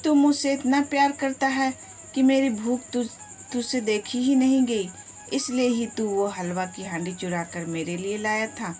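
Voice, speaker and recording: A woman's voice: on the high side, fairly even intonation, measured pace, darkish tone, natural voice. A woman doing a frail hungry old mother. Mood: tender. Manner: pleading, tender.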